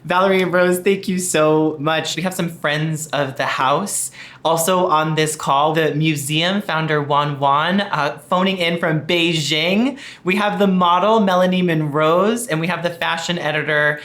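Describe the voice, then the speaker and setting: A man's voice: on the high side, unhurried, fairly bright tone. A man moderating a panel discussion over a video call, chatty and playful as he introduces guests and asks questions.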